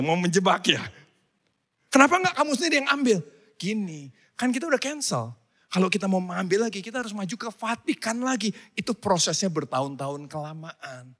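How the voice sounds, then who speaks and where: A male pastor preaching a sermon in a church, telling stories with animated delivery, acting out wailing crowds and leading the congregation in call and response. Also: fairly high pitch, slightly rough. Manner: animated storytelling, acts out crowds with loud wailing cries. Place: church hall. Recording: church hall reverb.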